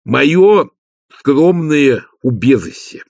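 A man reading an audiobook, voicing a slow, gloomy male servant who talks in a deliberate, matter-of-fact way. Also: a little high, expressive, darkish tone, no room sound, clean studio sound, voice pushed up, heavily acted. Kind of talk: audiobook character voice.

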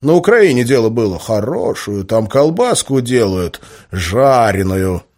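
A man voicing a jovial, rambling middle-aged male magician with a husky voice. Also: mid-range voice, big pitch swings, measured pace, a little mellow. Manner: rambling, chatty, folksy.

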